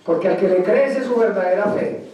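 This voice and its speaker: Colombian pastor guy, very high voice, preaching hard in a super echoey church, mic off at a distance. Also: quick pace, mellow, muffled recording. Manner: emphatic preaching, acts out quoted believers. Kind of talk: sermon.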